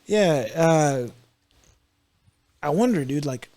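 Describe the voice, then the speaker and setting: A man's voice: fairly high pitch, animated, takes it slowly, warm tone, no room sound. A man co-hosting a podcast, in casual comedic chat that rambles, swears freely and breaks into laughter. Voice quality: profane, rambling, laughs often. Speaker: podcast co-host.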